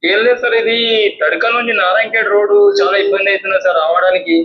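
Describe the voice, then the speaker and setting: This is a male phone-in caller airing a local grievance, his Telangana Telugu accent clear and his manner deferential, with plenty of "sir." His voice sits high and moves quickly, and the call sounds dull, with echo and background noise.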